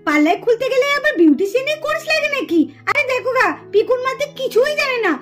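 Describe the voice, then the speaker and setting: Cartoon young daughter, eager, pleading, coaxing, piping high voice, lively bouncing pitch.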